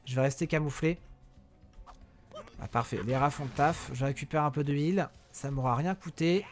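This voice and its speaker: A young man giving excitable live commentary on a mobile game, talking to his viewers and yelling at opponents. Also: mid-range voice. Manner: excitable, shouts during fights, talks to viewers and enemies. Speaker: gaming YouTuber.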